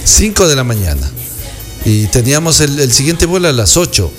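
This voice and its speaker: A man, a guest who is an architect, telling travel anecdotes in a relaxed, meandering way. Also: medium pitch, soft background music. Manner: unhurried, meandering storyteller.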